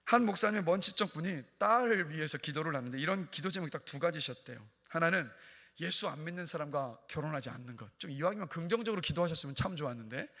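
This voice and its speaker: High-voiced, bright male pastor preaching. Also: long reverb tail. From Chungcheong, Korea. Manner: swings from loud emphatic preaching to hushed, near-whispered lines. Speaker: senior pastor. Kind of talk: sermon. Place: church sanctuary.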